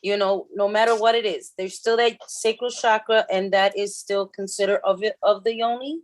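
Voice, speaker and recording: A woman's voice: mid-range voice, fairly even intonation, moderate pace, no room sound. A woman co-hosting a casual spiritual talk show, emphatic and given to repeating her points. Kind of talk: casual chat, live reading session.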